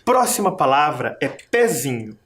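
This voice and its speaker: School teacher on a video lesson, super slow and patient, voice goes up and down a lot, drags out every word. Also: mid-range voice, very animated, a bit bright, a little hiss or hum. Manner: stretches words out slowly, sounding out syllables; patient, asks the class questions. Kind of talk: recorded video lesson for children.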